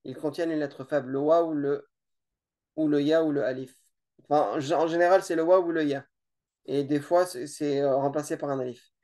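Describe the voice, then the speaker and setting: A relaxed teacher giving an informal grammar lesson, explaining slowly with many hesitations and repeated words. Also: medium pitch. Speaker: Arabic teacher.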